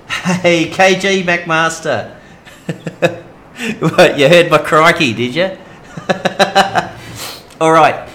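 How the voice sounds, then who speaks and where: A man's voice: on the high side, extremely slow, long pauses, fairly bright tone. A man with an Australian accent giving casual, rambling let's-play commentary as a game streamer. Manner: chatty, rambling, many fillers. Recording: noisy home stream audio.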